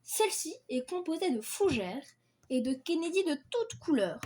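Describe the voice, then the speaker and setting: A woman's voice: sits high, big pitch swings, normal speed, dark tone, a little hiss or hum. A woman presenting a list of dishes in a read-aloud style, repeating the same set phrases and stumbling now and then. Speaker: video creator presenting invented dishes.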